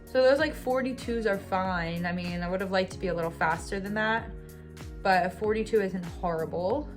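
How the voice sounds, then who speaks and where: A twenty-something runner narrates her vlog with music behind her, frankly picking apart a race she's unhappy with. She speaks in a mid-range voice at a moderate pace, conversational and hard on herself.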